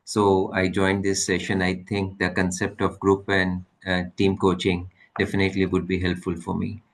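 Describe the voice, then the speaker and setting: A man with a very deep voice gives a formal, courteous introduction over a video call. His delivery is flat, with very little rise and fall. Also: moderate pace. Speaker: continuous improvement professional.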